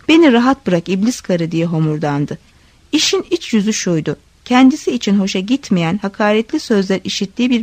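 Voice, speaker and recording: A woman reading a story aloud, expressive storytelling. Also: medium pitch, dry recording. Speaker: narrator.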